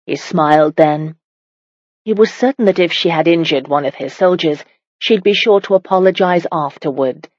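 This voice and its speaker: A woman narrating a romance audiobook in a calm, measured reading style. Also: deep voice, no echo. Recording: dull lo-fi recording.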